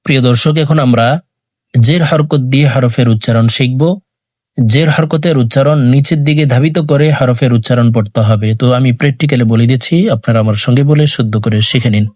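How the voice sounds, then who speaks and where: A man teaching Quran reading, reciting letters and vowel marks in a slow drill with quick explanations in between. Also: mid-range voice, darkish tone, no room sound. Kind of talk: recorded recitation lesson.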